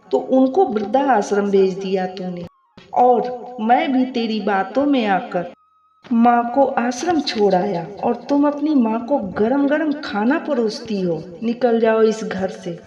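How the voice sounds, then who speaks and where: A woman reading the part of a grown son, first begging his mother to come home, then turning hard on his wife, spoken slowly. The voice sits in an echoey room. The sound is slightly muffled. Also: a little high, dark tone. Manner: pleading, then scolding.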